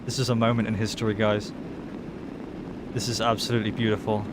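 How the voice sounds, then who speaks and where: A man livestreaming a game in casual chat, talking in excitable bro-and-dude slang. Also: fairly low pitch, brisk, background noise. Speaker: live game streamer.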